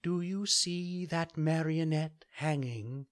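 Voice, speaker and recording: A man voicing a kind, ancient fairy woman who gives gentle commands. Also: fairly high pitch, takes it slowly, voice pushed up.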